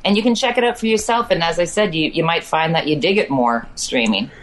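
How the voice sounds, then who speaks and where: A woman guest on a video call with a low, sultry voice, chatting in a laid-back, joking, rambling way. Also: brisk. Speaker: comedian guest. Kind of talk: casual chat. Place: on a farm.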